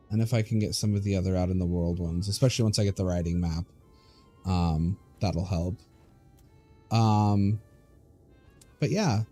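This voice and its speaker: A man streaming a game, chatting casually in a relaxed, hesitant way with many pauses and ums. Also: on the low side.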